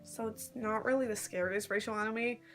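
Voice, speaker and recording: High voiced girl vlogging, rambly slangy storytelling, phone held at arms length, music behind her. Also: fairly even intonation, brisk, a bit bright. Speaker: vlogger recounting a live-action role-play event. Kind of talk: casual chat. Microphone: phone at arm's length.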